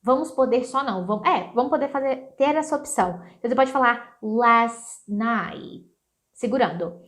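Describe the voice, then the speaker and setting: A young Brazilian woman with a Brazilian Portuguese accent teaches an English lesson upbeat, repeating phrases slowly. Her voice is high-pitched with lively intonation.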